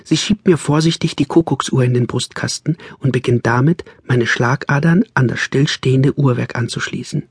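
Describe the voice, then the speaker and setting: Husky male audiobook narrator. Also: medium pitch, moderate pace, few pauses, dry recording, clean studio sound. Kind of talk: scripted narration.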